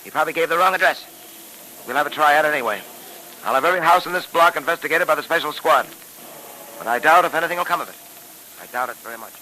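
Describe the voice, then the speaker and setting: An actor playing a confident police detective in 1940s radio drama style, giving clipped, decisive orders. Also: male voice, fairly high pitch, fast, pauses often, bright, forceful tone, a little hiss or hum, low-quality recording. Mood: reasoning. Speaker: detective lead.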